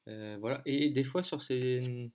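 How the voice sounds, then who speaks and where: A man's voice: mid-range voice, a little slow, a little mellow. A man from France giving a casual screen-share lesson on weather maps, hesitant, with many fillers as he thinks aloud. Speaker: weather-map tutor.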